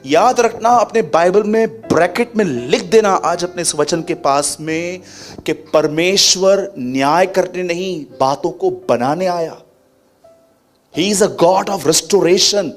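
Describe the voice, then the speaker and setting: A male pastor preaching an animated sermon, acting out quotes as he tells stories. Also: high voice, slow. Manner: animated, acts out quotes and laughs. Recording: faint music behind.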